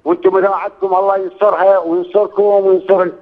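A fast-talking man from Iraq, in his sixties, phones a radio show to plead about his hardship. His high voice barely moves in pitch, the phone audio is narrow and tinny, and he keeps swearing oaths and repeating himself in Iraqi Arabic-accented speech.

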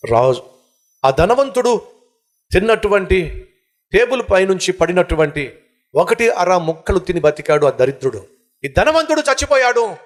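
A man's voice: high-pitched, lively intonation, a little slow, pauses often. A man preaching a sermon as a pastor, asking the congregation rhetorical questions.

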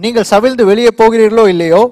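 A man interpreting a sermon live, quickly and fluently rendering each phrase right after the preacher. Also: high-pitched, darkish tone.

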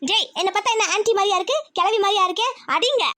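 A woman voicing a feisty, quick-tempered middle-aged village auntie in a cartoon, speaking. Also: very high voice, bright, forceful tone. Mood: indignant. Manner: scolding, indignant.

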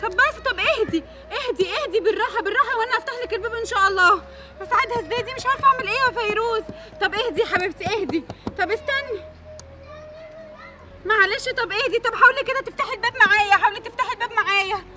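Egyptian lady acting as a worried stranger on the street, really high voice, talks super fast. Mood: worried, soothing. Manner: pleading and soothing, calls for help. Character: kind woman stranger, worried then indignant. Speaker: passerby helping a locked-in child. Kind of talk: family skit acting.

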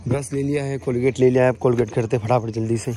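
A man's voice: medium pitch, fairly even intonation, quick pace. A man with an Indian Hindi accent vlogging casually outdoors around his family house, chatty and upbeat as he talks to his viewers. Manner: chatty and upbeat, addresses friends. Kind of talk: casual vlog, home tour. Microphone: handheld phone camera.

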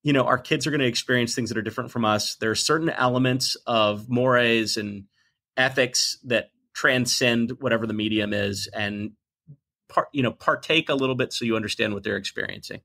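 A man in his forties, a podcast guest talking in an emphatic, animated way, sometimes acting out what people say. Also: medium pitch, fairly quick. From United States. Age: 40s. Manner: emphatic, animated storyteller who acts out quotes. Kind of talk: conversational interview.

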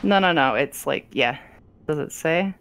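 A woman's voice: sits low, lively intonation, a little slow, a bit bright. A woman co-hosting a game stream in a casual, giggly way. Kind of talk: casual chat over gameplay.

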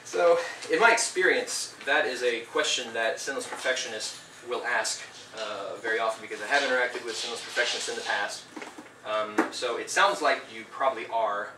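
A man's voice: mid-range voice, normal speed, noisy background. A man giving a formal debate statement in an earnest, preachy, rebuking way. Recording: echoey room, distant mic, faint ambience.

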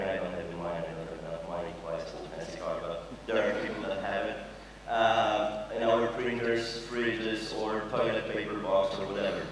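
In a large conference hall before an audience, a young Polish speaker with a voice on the low side jokes his way through a casual talk, using lots of fillers and now and then a swear word. The recording comes from afar, picking up the hall's echo and background noise.

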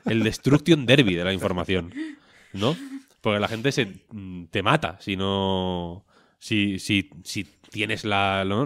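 A man's voice: on the low side, fairly bright tone, dry recording, clean studio sound. A man, co-hosting a podcast in casual chat, rambling and joking with a lot of swearing. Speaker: podcast co-host.

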